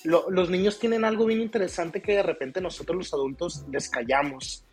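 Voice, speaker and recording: A man's voice: sits high, moderate pace, breathy edge. A man, co-hosting a casual podcast. He explains child behavior and gives advice by walking through examples. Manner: explanatory, advising, builds hypothetical examples. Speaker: podcast co-host giving parenting advice.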